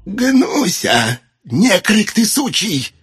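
A man voicing a cruel old necromancer archmage who grumbles and mocks, in a raspy, gravelly voice. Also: a little high, big pitch swings, slow pace, faint music behind, voice pushed up, heavily acted. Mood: scolding. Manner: grumbling, mocking, gloating. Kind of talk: audiobook character voice.

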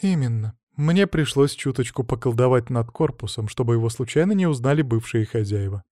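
A man voicing a calm, sly female informant in an audiobook, in a near-natural voice. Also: medium pitch, a little fast, no echo, clean studio sound, close to an everyday voice. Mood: composed. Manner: composed, matter-of-fact.

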